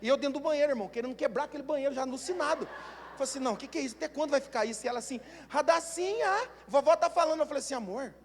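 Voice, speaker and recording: High-voiced Brazilian pastor in echoing hall. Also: male voice, rapid-fire. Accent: Brazilian Portuguese. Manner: animated storytelling, acts out voices, builds to shouting. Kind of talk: sermon. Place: church hall. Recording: long church hall reverb.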